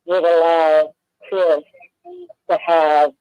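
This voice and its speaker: A woman's voice: low voice, flat delivery, very slow, warm tone, clean tone, no room sound. A woman in her sixties, calling in to a live stream, asks earnest, pointed questions through muffled, faint audio. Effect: muffled, faint call-in audio. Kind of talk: casual call-in chat. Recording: muffled lo-fi call line.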